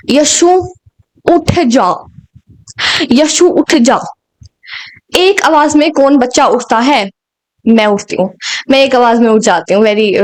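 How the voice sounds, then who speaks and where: A young woman from India tells a personal story to camera in a lively, dramatic way and keeps laughing at her own jokes. Her voice sits high. She drifts between casual Hindi phrasing and bits of English. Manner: laughs at herself often. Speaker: storyteller vlogger.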